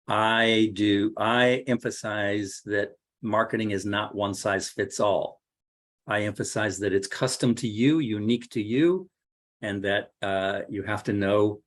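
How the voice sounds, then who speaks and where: A man teaching an online course workshop as a marketing coach, talking casually with many fillers and restarts. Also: on the low side. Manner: relaxed, conversational, frequent fillers and restarts.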